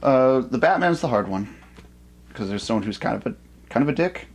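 A man's voice: medium pitch, expressive, fairly quick. A man co-hosting a podcast in casual banter, hedging and thinking aloud as he goes. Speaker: podcast co-host.

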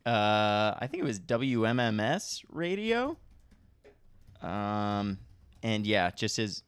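A man from the Cleveland area co-hosting a podcast, chatting slowly with an amused tone. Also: fairly low pitch, sing-song, smooth, no room sound. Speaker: podcast co-host. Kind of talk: casual chat.

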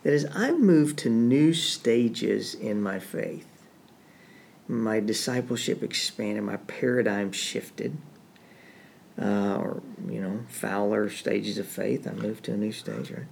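A man's voice: fairly low pitch, slow pace, vocal fry, a little mellow, a little hiss or hum. A man answering interview questions, thoughtfully explaining his ideas aloud. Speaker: interview guest, youth ministry author.

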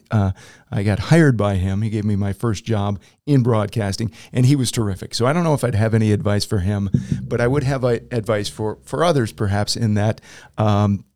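A middle-aged man who works as a TV news anchor, talking as a podcast guest in a measured broadcaster's way with a few filler pauses. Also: on the low side, darkish tone, no echo, studio quality. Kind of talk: casual interview.

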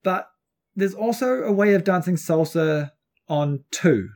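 Higher-voiced man with a broad Kiwi accent. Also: lively intonation, a little slow, a little mellow. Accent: New Zealand. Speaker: podcast co-host and dance teacher. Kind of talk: casual podcast chat. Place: outdoors on a front deck at home.

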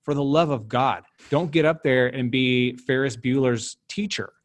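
A man speaking as a podcast guest, emphatic and animated, his pitch jumping up when he drives a point home. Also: unhurried, dry recording. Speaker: guest, business development director. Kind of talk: casual podcast interview.

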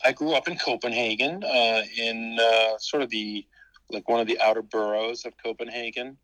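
A man in his fifties, a podcast guest, talking casually and hesitantly in an interview, with many pauses and restarts. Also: mid-range voice, steady tone, a bit bright, dry recording, low-quality recording.

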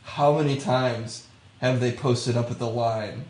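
Male podcast co-host, mid-pitch, animated casual banter, roomy echo. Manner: animated, swears freely, quick to laugh. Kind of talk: casual chat.

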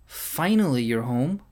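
A man's voice: medium pitch, noisy background. A man playing a callous, nagging vampire housemate in scripted comic dialogue. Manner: nagging, blunt.

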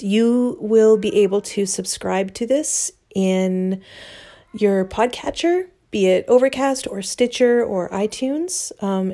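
A woman reads her own blog post aloud with wry, self-deprecating humor, then drifts into easy, casual talk. Her voice sits at an ordinary middle pitch. She records it all under a blanket in her bedroom, so the sound is close and muffled. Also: dark tone. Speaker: blogger.

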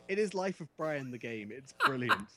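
A British man on a gaming podcast, gushing over a game and telling stories with squealing excitement. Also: sits high, gravelly. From Britain. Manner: gushing, excitable storyteller who squeals with delight. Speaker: podcast co-host. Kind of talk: casual gaming podcast chat.

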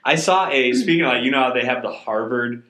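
A man's voice: mid-range voice, animated, fast, pushed and bright, echoey room. A man co-hosting a travel podcast, chatting casually and joking with his co-host in a coworking space.

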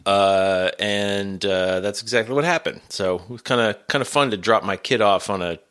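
A middle-aged man with a gravelly, congested voice from a cold, chatting casually and hesitantly as a podcast host. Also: on the low side, moderate pace, a bit bright. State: has a cold.

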